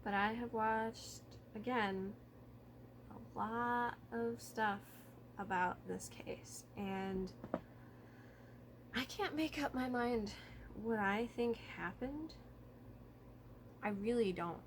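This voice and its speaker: A woman's voice: fairly high pitch, slow, pauses often, background noise. A woman talking informally to camera about true crime, thinking aloud and hedging as she goes. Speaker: vlogger.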